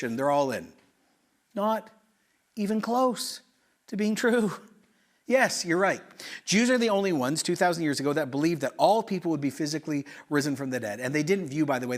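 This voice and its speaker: Animated preaching man, higher-pitched. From Canada. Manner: animated, conversational preaching with rhetorical questions and quick asides. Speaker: pastor. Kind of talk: sermon.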